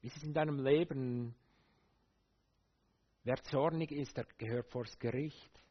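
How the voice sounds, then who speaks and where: A male preacher gives a sermon, switching between calm explanation and lively, direct appeals to his listeners. His voice is a little husky, with many fillers along the way. The recording is slightly dull and lo-fi. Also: mid-range voice, unhurried.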